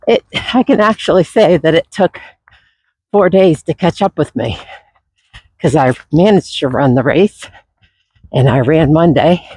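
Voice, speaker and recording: A running vlogger talks casually and reflectively on a trail, his slightly high, darkish voice breathy and still husky because he hasn't fully recovered from an illness. He sighs and pauses, and the recording is dry.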